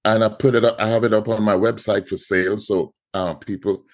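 Speaking with a fairly even intonation at a fairly quick clip, this middle-aged man has a lowish voice and a Trinidadian accent. He's a guest artist from Trinidad and Tobago sharing his story in a podcast interview, repeating words often along the way.

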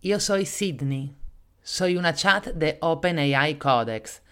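A reader voicing a female-gendered AI chatbot that pleads, apologizes and gushes, repeating its phrases in a clear voice. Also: mid-range voice, lively intonation, slow pace, fairly bright tone. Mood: confessional.

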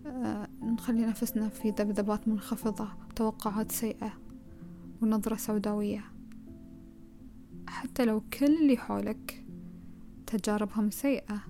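A woman's voice: on the high side, gravelly. A woman with a Gulf Arabic accent giving a conversational self-help talk, advising the listener and piling up rhetorical questions.

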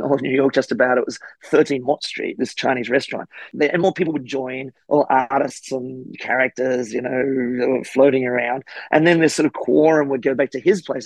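A middle-aged Australian man, a guest historian and author, telling a casual story with lively acted-out quotes. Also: mid-range voice, fairly quick, few pauses, dry recording. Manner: animated, acts out quoted voices.

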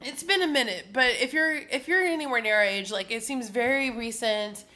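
A woman in her thirties co-hosting a podcast in casual chat, excitable and playful, swearing freely. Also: on the high side, moderate pace. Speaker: podcast co-host.

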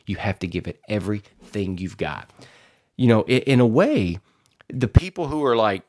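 Rambling folksy man with a lively voice. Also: on the low side, normal speed. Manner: rambling, repeats words, folksy. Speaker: podcast host. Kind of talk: casual motivational monologue.

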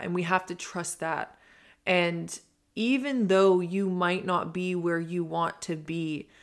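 A woman's voice: low voice, vocal fry. A woman in her twenties hosting a solo podcast, talking in an earnest, reflective and rambling way with many fillers. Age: 20s. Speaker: podcast host. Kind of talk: casual solo podcast monologue.

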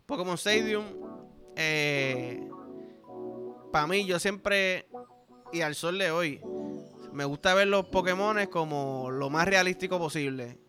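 A man in his thirties with a Puerto Rican accent, hosting a podcast and telling crude jokes in casual solo chat. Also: high voice. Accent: Puerto Rican Spanish. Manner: crude, joking, animated storytelling. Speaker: podcast host.

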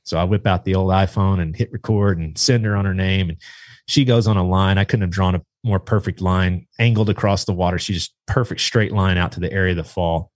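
A deep-voiced man, a duck hunter and dog trainer appearing as a podcast guest, tells a hunting story in a casual chat. He talks fairly quickly, rambling and animated as he acts out quotes. There's no room sound.

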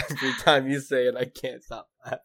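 A man's voice: medium pitch, level tone, a crowd in the background. A man co-hosting a podcast, chatting casually in a giggly, teasing way. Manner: giggly, playful, quick to tease. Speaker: podcast co-host. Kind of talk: casual chat.

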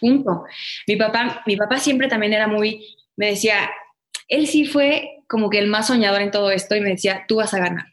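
Woman, thirties, interview guest, lively storyteller. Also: mid-range voice, a little fast. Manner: animated storyteller, acts out quotes. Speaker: guest, former pageant winner. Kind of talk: casual interview conversation.

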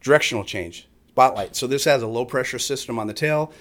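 A middle-aged man, explaining fishing tactics in casual conversation as an animated storyteller who acts out other anglers. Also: medium pitch, fairly quick. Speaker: fishing guest expert. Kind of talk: casual chat.

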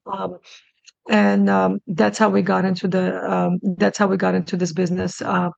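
A casual podcast interview features a guest who runs a clinic: a middle-aged woman born in Russia who grew up in New York. She talks in a gravelly, creaky, evenly pitched voice, earnest but halting, often starting sentences over. The sound is dry and somewhat muffled, lo-fi in quality.

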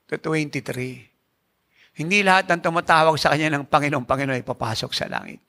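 A man preaching with a high, gravelly voice and a bright, forceful edge. He drives his sermon emphatically, firing rhetorical questions at the congregation and dropping English phrases into his talk. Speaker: pastor.

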